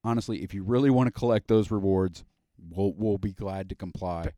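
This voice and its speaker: A deep, mellow man hosting a casual podcast chat. He rambles along with plenty of fillers and restarts. The sound is dry and close. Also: brisk, no room sound. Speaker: podcast host.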